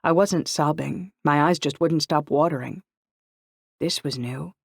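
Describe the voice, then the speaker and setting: Dry, measured male audiobook narrator. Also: fairly high pitch, vocal fry, slightly rough, no room sound. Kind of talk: first-person audiobook narration.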